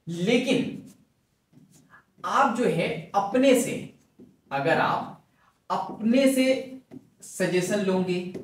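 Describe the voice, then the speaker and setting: A man leads a training lesson and tells a story in a lively, conversational voice, repeating phrases for emphasis. His voice sits fairly high. The room is echoey and the mic picks him up from some distance. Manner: animated, drawing on slides while talking.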